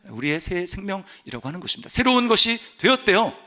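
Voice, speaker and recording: High bright-voiced Korean pastor preaching. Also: male voice, very animated, quick pace. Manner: preaching with emphatic declarations and rhetorical questions. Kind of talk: sermon.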